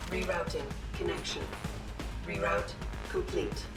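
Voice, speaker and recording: A voice actor playing a video game facility's alarm system, with flat, processed robotic announcements in clipped, monotone warnings. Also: mid-range voice, unhurried. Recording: echoey distant speaker over loud game music.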